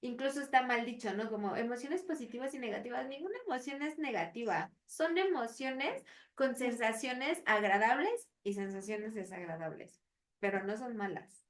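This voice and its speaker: A woman's voice: a little high, normal speed, recorded from a distance. Chatty Mexican woman, slightly off-mic. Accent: Mexican Spanish. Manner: chatty, animated storytelling with acted quotes. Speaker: podcast co-host, psychologist. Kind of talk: casual podcast chat.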